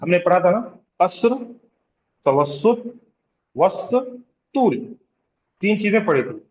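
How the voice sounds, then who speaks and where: Male tajweed teacher with a Hyderabadi Urdu accent, fairly high voice, unhurried, patient, quizzes students, stretches vowels to demonstrate, dull lo-fi recording. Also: expressive, a little mellow. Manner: patient, repeats terms and asks the class questions; draws out vowels to demonstrate elongation. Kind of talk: slow classroom lecture.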